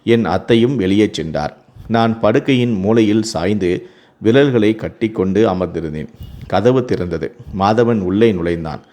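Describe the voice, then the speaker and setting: A man tells a dramatic family story as a first-person storybook narration. His voice sits fairly low and he reads in a steady, earnest way. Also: normal speed.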